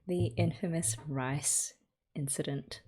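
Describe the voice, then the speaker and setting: Her voice sits low and sounds mellow and husky. She's a young Australian anime reaction channel host, chatting casually and giggling frequently while reacting.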